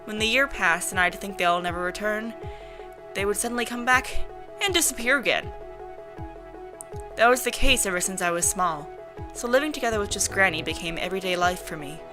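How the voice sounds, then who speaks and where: A woman's voice: medium pitch, brisk, pauses often. A woman reading first-person visual novel narration as an amateur voice-over. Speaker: narrator and reader. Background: music.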